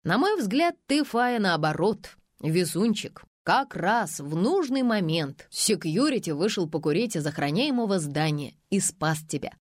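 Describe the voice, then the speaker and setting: A woman giving voice to a persistent man who presses with question after question and reasons things through. The delivery is lively in pitch and recorded close and dry. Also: a little slow, dry recording. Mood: insistent. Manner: insistent, reasoning. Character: firm middle-aged man, questioning, persistent.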